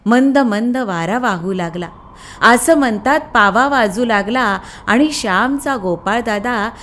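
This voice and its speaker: A woman narrating a storybook tale for children in a slow, expressive storytelling manner. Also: on the high side, a little hiss or hum.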